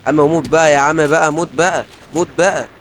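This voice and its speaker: A young man with an Egyptian Arabic accent commenting on his own online shooter match, rapid and excitable, repeating himself in frustrated outbursts. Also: a little high, slight background noise. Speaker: gaming channel host. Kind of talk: live gameplay commentary. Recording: music over gameplay.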